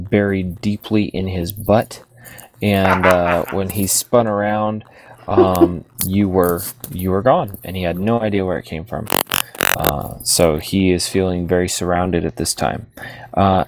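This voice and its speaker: A man's voice: low-pitched, fairly even intonation, measured pace, low-quality recording. A man running a tabletop game, narrating casually with many fillers. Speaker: game master.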